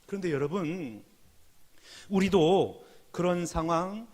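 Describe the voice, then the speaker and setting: A middle-aged male pastor preaching a sermon in a church, rising to loud exhortation and dropping to quiet asides. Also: sits high, slow pace. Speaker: senior pastor. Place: church sanctuary.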